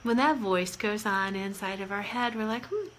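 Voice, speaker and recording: A woman life coach giving a casual live-stream talk, expressive and playful, swinging between soft asides and loud bursts. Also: mid-range voice, moderate pace, a little hiss or hum. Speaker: life coach and energy healer.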